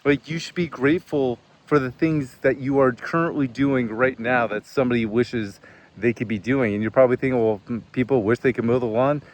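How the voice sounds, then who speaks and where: A man's voice: medium pitch, steady tone, fairly quick, a little hiss or hum. A man giving a casual motivational talk, earnest and conversational, telling a personal story with frequent fillers. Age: adult, served in the military. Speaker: host.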